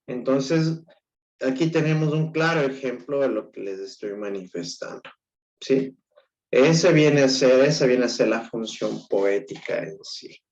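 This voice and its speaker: A male teacher giving an online class lecture, explaining slowly and haltingly with an Ecuadorian Spanish accent and checking in with his students again and again. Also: mid-range voice, darkish tone. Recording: dull lo-fi recording.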